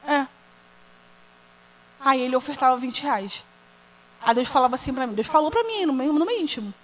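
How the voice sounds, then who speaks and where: A woman's voice: high-pitched, fairly bright tone, rough recording. A woman with a Brazilian Portuguese accent preaching a sermon as a women's ministry leader, telling a personal story and speaking straight to the congregation. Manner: earnest storytelling, addressing the congregation directly.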